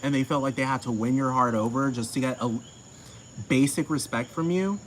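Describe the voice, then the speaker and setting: A man's voice: mid-range voice, brisk, low-quality recording. Man, casual rant, swears constantly, repeats himself, faint insect noise. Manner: profane, repetitive, heated ranting.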